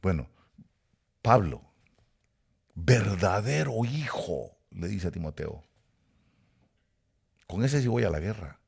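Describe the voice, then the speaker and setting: A husky man from Costa Rica, speaking with a Guatemalan Spanish accent, preaches a sermon and tells personal stories. His pace is slow, with vocal fry and frequent pauses, and his animated storytelling brings sudden jumps in pitch and volume.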